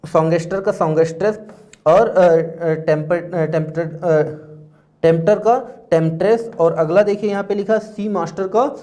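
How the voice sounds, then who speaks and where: Male tutor, high-pitched, patient explainer in an exam-prep class. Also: steady tone, moderate pace, warm tone. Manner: explains patiently, often checks with "theek hai". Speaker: teacher. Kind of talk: exam-prep grammar lesson.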